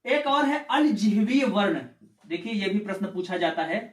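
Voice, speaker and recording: A man's voice: sits high, animated, moderate pace. Man teaching grammar in an echoey room. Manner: explains step by step with rhetorical questions; repeats points and checks in with "ठीक है". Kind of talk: exam-prep lecture.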